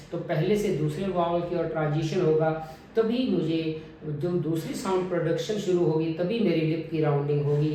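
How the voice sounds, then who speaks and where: A man teaching a phonetics lesson, deliberately modelling each vowel sound over and over. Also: fairly high pitch, warm tone, a little hiss or hum. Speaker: English pronunciation teacher. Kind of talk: phonetics lesson with drilled repetitions. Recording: very echoey room, mic at a distance.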